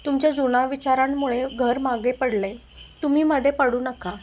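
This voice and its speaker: A woman's voice: sits high, steady tone, normal speed, a little mellow, slight background noise, close to an everyday voice. A woman voicing a scheming older mother-in-law who complains with fake tears. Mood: complaining. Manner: snapping, then whining read-aloud dialogue.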